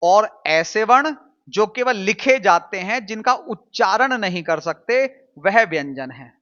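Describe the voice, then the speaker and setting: A man's voice: high-pitched, expressive, takes it slowly, pushed and bright, dull audio. A man teaching a Hindi lesson to students, patiently drilling sounds aloud and answering his own questions. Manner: asks questions and answers them himself.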